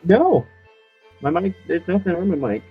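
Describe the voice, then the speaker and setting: A man's voice: sits high, very animated, moderate pace, creaky, slightly rough, soft background music. A man playing in an online tabletop game, his voice muffled as if underwater, giving short, puzzled replies. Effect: muffled, underwater-sounding mic. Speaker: player. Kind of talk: casual chat during an online tabletop game. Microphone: voice chat mic. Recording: muffled lo-fi voice chat audio.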